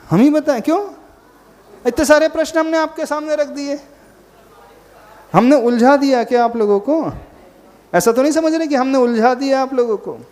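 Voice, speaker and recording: A man teaching a religious class, asking the audience questions and swinging between loud emphatic lines and soft low asides. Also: normal speed, pauses often, long reverb tail. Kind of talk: Hindi religious class lecture.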